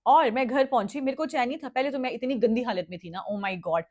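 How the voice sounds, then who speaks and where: A young woman telling a dramatic personal story in a casual vlog, chatty and animated, jumping into high-pitched outbursts and dropping English phrases into her talk. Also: fairly quick. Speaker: vlogger.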